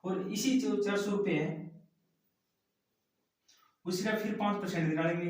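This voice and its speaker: Man teaching math in an echoey room. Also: sits high. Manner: explains step by step, often addresses listeners as friends. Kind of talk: classroom math lesson. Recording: very echoey room, mic at a distance.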